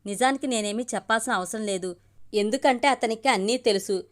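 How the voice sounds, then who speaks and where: A woman's voice: a little high, a little fast, close to an everyday voice. A woman voicing a sorrowful aunt confessing. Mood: confiding. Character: middle-aged aunt, gentle, tearfully confessing.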